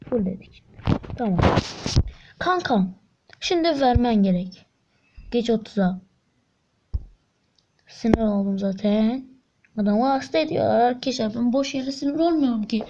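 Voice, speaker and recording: A woman giving excited gameplay commentary, getting frustrated, counting rolls aloud and swinging between whispers and shrieks. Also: fairly high pitch, measured pace, pauses often, slight background noise. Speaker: gaming video creator. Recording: dull lo-fi sound.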